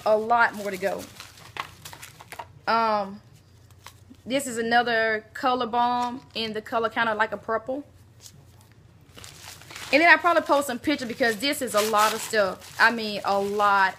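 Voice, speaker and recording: Bright-voiced gushing woman. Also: on the high side, a little hiss or hum. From Alabama. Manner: gushing, exclaims often, talks to viewers as y'all. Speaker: beauty vlogger. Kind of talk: casual mail swap unboxing.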